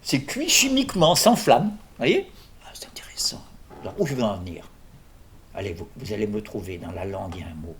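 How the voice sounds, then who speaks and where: A man's voice: fairly low pitch, big pitch swings, brisk, a little hiss or hum. A man lecturing on philosophy in an informal workshop, digressing with jokes and questions to his audience.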